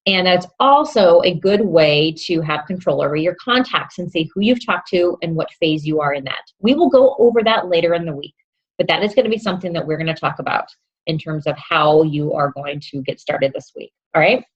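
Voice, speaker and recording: A woman speaks in a lowish voice as she coaches newcomers, upbeat and encouraging, often pausing to check in with an "okay?". The recording sounds dull and lo-fi. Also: slightly rough. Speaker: fitness coach. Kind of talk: instructional talk to new coaches.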